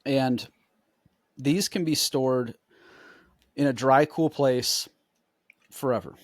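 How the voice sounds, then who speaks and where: A man co-hosting a podcast, chatting in a relaxed, explanatory way and demonstrating as he talks. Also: medium pitch, slow, no room sound, studio quality. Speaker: podcast co-host. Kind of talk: casual chat.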